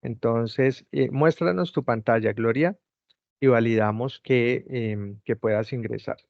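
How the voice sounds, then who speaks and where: A man's voice: mid-range voice, unhurried, gravelly, dry recording. A man tutoring an online class over a video call, patiently repeating step-by-step instructions. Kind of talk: guiding students through a video call. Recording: dull lo-fi call audio, dry.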